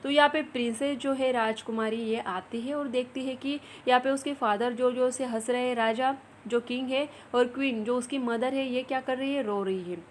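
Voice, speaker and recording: A woman's voice: high voice, steady tone, moderate pace, hardly any pauses, slight background noise. Teacher woman explaining step by step. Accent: Indian English. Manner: explains step by step with questions to the class. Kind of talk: explaining an English lesson in Hindi.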